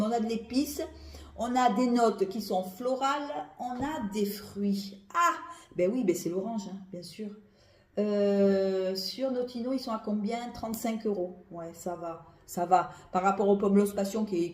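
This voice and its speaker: A woman's voice: medium pitch, warm tone. A woman giving a casual, rambling review as she thinks aloud, often repeating herself and breaking off mid-phrase. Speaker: perfume reviewer. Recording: roomy, echoey sound.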